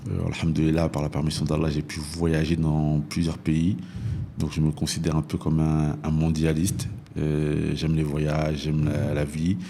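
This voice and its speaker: His voice is very deep, creaky and dark, delivered completely flat at a normal speed, with slight background noise. A man in his thirties from northern France, he tells his personal story as a podcast guest, pausing hesitantly and repeating phrases as he explains.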